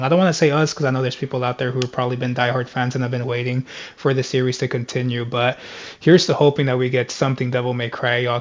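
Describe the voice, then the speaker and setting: Rambling man on a dull headset mic. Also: medium pitch. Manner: rambling, fills speech with "like". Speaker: gaming channel host. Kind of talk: casual spoken review.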